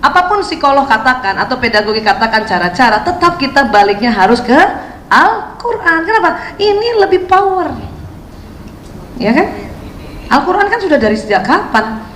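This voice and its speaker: A woman's voice: high voice, very animated, moderate pace, a bit bright. A woman giving a religious lecture to women, asking the audience questions and acting out prayers. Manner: asks the audience questions and acts out prayers and quotes. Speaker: Islamic parenting speaker. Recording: echoey hall, faint background noise.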